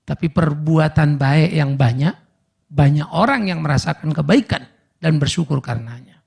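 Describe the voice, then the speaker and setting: Gravelly high-voiced preaching pastor. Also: male voice, moderate pace. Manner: animated preaching, acts out everyday dialogues. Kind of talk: sermon. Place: church service.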